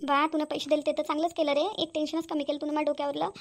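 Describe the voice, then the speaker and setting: Brief: a woman as grieving older village mother in a cartoon; lilt, fast, lamenting. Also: high-pitched, little pitch movement. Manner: wailing, sobbing lament. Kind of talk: cartoon voice acting.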